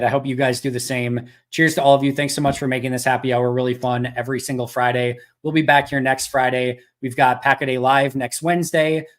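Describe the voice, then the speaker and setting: Host, male, casual live-stream Q&A voice, loose and chatty, a bit hoarse. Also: mid-range voice. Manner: conversational, thinks aloud with restarts. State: losing his voice. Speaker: podcast host.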